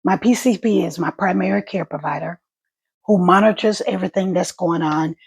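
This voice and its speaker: A woman talks casually and directly to her online viewers. Her voice is husky and full of fry, with a wet gargle to it as she speaks. Her speech is a little halting, with small stutters. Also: on the low side, darkish tone. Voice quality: gravelly, husky. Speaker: vlogger and stroke survivor. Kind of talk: casual personal vlog to viewers.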